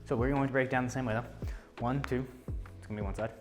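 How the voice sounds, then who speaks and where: A man's voice: medium pitch, steady tone, fast, over music. A man teaching a martial arts class as instructor, giving short, clipped counts and commands and explanations of drills. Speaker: taekwondo instructor.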